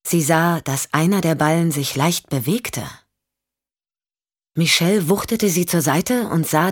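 A woman narrating a thriller audiobook in steady, measured storytelling. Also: low-pitched, slightly rough, no room sound, clean studio sound.

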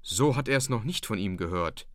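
Male audiobook narrator, measured, expressive, lively pitch, dry close sound. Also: dry recording. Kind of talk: audiobook narration of a classic story.

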